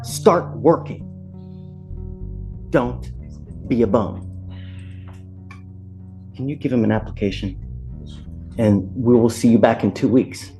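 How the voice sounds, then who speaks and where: A man with an American accent speaks as a judge from the bench, stern, blunt and colloquial as he addresses people in the courtroom. His mid-range voice has a dark tone, and he talks slowly with long pauses. The courtroom audio includes background music.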